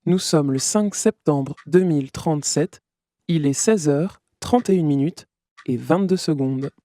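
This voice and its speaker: A performer voicing a friendly virtual assistant AI with a synthetic robot-like sound. It announces things politely and brightly, like a system welcome message. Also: medium pitch, unhurried, no room sound, clean studio sound. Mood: cheerful welcoming. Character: cheerful virtual assistant AI of a social network. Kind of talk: audio drama.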